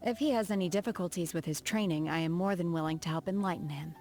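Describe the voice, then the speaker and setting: In this lightly acted video game role, she plays a reticent young apprentice to immortals, her slightly low voice quiet, formal and coolly measured as music runs underneath. She comes across reserved and uneasy.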